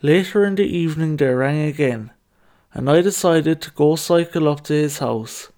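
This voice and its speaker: A man's voice: fairly high pitch, normal speed, a little mellow. A young adult man with a Kerry Irish accent, reading a scripted first-person documentary narration over music. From Ireland. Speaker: documentary narrator telling own story.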